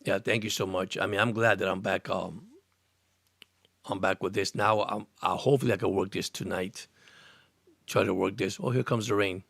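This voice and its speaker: On a dry, clean studio-mic recording, a roughly sixty-year-old man from Cuba who grew up in Miami talks through a laid-back sports live stream, responding to viewer comments. He's earnest and rambling, repeating words and starting over. His low voice carries vocal fry and a slightly bright edge, with a steady tone at a moderate pace.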